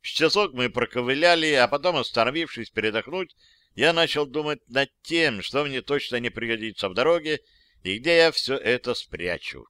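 A man's voice: medium pitch, expressive, normal speed, bright, forceful tone, clean tone, no room sound. A man narrating an audiobook in the first person, wry and weary, like a soldier telling his own story.

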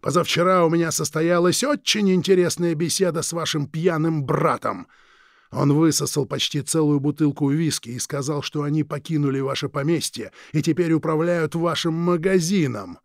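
A man's voice: fairly high pitch, no echo, studio quality, pitched above the performer's own voice, lightly acted. A man voicing a sinister, mocking male villain in an audiobook, stretching his words with sneering politeness. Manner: slow, drawn-out, sneering politeness. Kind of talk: audiobook reading.

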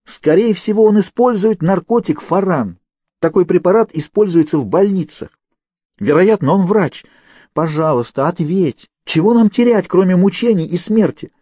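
A man voicing a desperate, defiant young woman held captive, shouting and pleading insistently. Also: fairly high pitch, sing-song, rapid-fire, hardly any pauses, no echo, clean studio sound, voice pushed up. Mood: urgent pleading.

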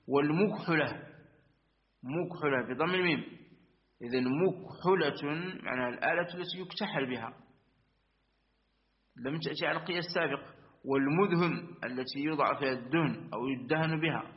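Man teaching grammar on a dull recording. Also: mid-range voice. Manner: methodical, repeats and affirms with frequent asides; recites verse lines slowly. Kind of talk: religious-school lesson explaining a verse text.

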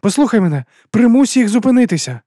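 A woman's voice: on the high side, brisk, warm tone, no echo, clean studio sound, voice pushed up, close to an everyday voice. A male audiobook reader voicing a desperate young woman calling over a radio, speaking in urgent, breathless pleas.

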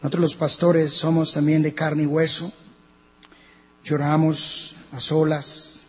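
A man with a Colombian accent preaching a sermon as pastor, swinging between hushed and loud passages. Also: fairly high pitch, little pitch movement, slow, husky. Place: church hall. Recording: lo-fi church recording with long reverb and mains hum.

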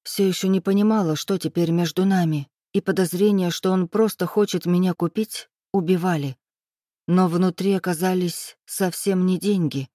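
Woman, audiobook narrator, steady first-person reading, mellow and dry sound. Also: on the low side, normal speed, no echo.

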